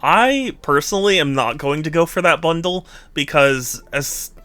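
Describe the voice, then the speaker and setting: A man live streaming games, chatting casually with viewers in a playful, animated, teasing way. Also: on the high side, normal speed, clear, resonant tone, dry recording. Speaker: video game live streamer. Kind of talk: casual chat with viewers while gaming.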